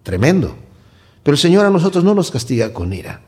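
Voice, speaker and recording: Male pastor, expressive bible sermon, fairly high voice, acts out quoted voices. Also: fairly quick. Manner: animated, acts out quoted voices with swings in pitch.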